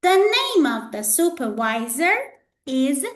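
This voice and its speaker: A woman's voice: high-pitched, sing-song, slow pace, reverberant. A woman trainer lecturing students in a classroom, repeating herself and checking in with "okay?" and "guys". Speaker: hospitality trainer.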